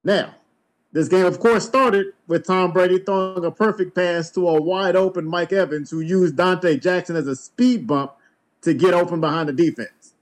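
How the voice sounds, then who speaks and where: A man's voice: sits high, fairly even intonation, moderate pace. A man hosting a sports podcast, giving blunt, emphatic opinions. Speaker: podcast host.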